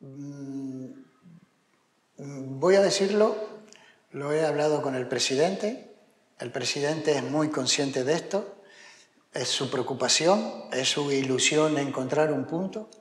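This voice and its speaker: A man's voice: fairly high pitch, slow pace. A middle-aged Argentine man with a somewhat raised voice, talking through an interview full of fillers and restarts that turns emphatic. He sits in a room that rings with echo and a long reverb tail. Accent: Argentine Spanish. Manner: hesitant, many fillers and restarts, grows emphatic. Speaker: tennis coach, interview guest. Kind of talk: conversational interview answers.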